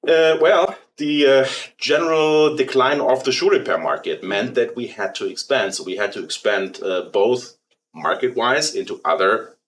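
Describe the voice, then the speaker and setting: German-accented man, halting and relaxed. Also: mid-range voice, slight background noise. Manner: relaxed, halting, with many fillers and restarts. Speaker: guest, company president. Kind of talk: casual interview.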